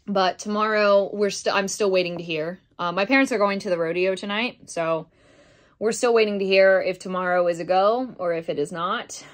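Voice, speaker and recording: Her voice is medium in pitch and a bit bright as she chats casually in a video diary. A daily vlogger, she rambles and keeps correcting herself.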